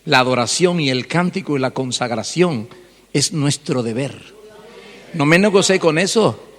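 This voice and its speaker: A male pastor delivers a lively sermon. His voice sits fairly high for a man, and he peppers the talk with rhetorical questions. A long church reverb trails each phrase. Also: normal speed. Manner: animated preaching, rhetorical questions, acts out congregants' voices. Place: church hall.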